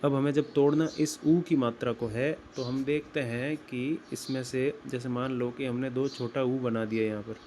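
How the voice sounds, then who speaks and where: A man teaching grammar, explaining slowly and deliberately and repeating words as he writes them out. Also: mid-range voice, fairly even intonation, warm tone, slight background noise. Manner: slow and deliberate, repeats words while writing. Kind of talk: explaining at a whiteboard.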